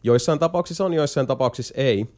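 A man chatting casually as a podcast host, explaining a video game at length with lots of hesitation fillers and a few jokes. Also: medium pitch. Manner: jokey, lively storytelling. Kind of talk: casual chat.

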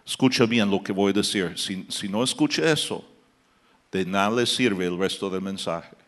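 A pastor preaching a sermon, building to loud emphatic passages and dropping to quiet asides. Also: male voice, sits low, normal speed.

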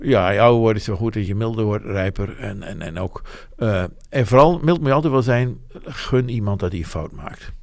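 A man's voice: lowish voice, animated, normal speed, creaky, few pauses, a little mellow, no room sound, clean studio sound. A man, talking frankly and at length about his business life, rambling and self-deprecating. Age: 70s. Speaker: interviewee, business owner. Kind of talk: reflective interview talk.

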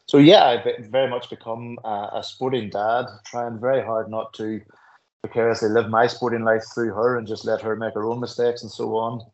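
A middle-aged school principal from Northern Ireland speaks earnestly in a reflective interview, telling anecdotes and often restarting his phrases. His medium-pitched voice is level and at normal speed, with the highs cut off.

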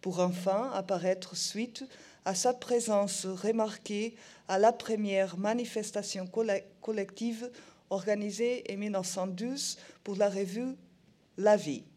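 Slow, mellow woman with foreign Portuguese accent. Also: medium pitch, fairly even intonation. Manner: halting, non-native French with stumbles on words. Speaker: museum programme director giving a lecture. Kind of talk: prepared lecture, read aloud.

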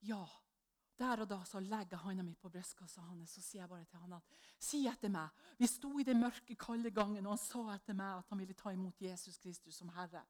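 A middle-aged woman preaching a sermon in a mid-range voice. She tells a personal story with sudden rises in pitch and volume as she acts out the people in it, then drops back to a low, soft tone. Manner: lively storytelling, acts out quoted voices with jumps in pitch and loudness.

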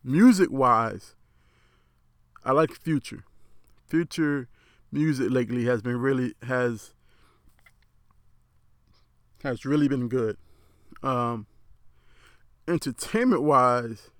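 A man's voice: medium pitch, takes it slowly, long pauses, a bit bright, dry recording, studio quality. A man with a lisp giving his frank opinions in a casual monologue, rambling and repeating words as he goes. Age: adult. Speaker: commentator.

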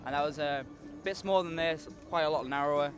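A man's voice: on the high side, quick pace. A nineteen-year-old man from Liverpool, a skateboarder being interviewed at an outdoor event, who answers hesitantly with many filler sounds. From Liverpool, England. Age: young adult, 19.

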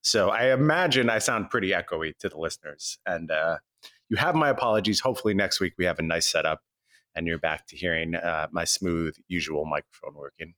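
A man chatting as a podcast co-host, recorded on an old microphone in a large high-ceilinged wooden kitchen that makes him sound echoey. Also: expressive, fairly quick, sharp tone. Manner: chatty, playful complaining. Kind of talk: casual podcast chat.

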